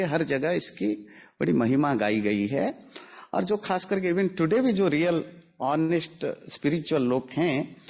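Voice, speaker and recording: A man's voice: on the high side, darkish tone, husky. A man teaching a spiritual lecture in an emphatic, explanatory way, mixing in English phrases. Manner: mixes Hindi with English phrases. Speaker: religious teacher. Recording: dull lo-fi audio.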